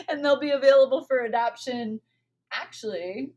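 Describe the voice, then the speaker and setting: A woman's voice: sits high, a little slow, a little mellow, lo-fi sound. A young woman chatting casually on a podcast as a guest, laughing often and using lots of fillers.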